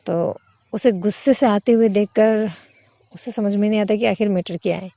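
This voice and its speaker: A woman's voice: medium pitch, steady tone, normal speed, dark tone, no echo. A woman narrating a romance story casually, linking scenes with conversational fillers, in a dull, dry lo-fi recording. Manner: conversational, with filler links and restarts.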